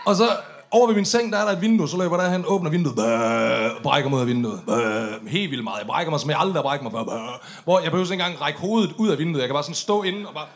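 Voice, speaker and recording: A man's voice: a little high, expressive. A man performing a stand-up story on stage, swearing freely and acting out the drunk voices of the people in it. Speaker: comedian telling a story on stage.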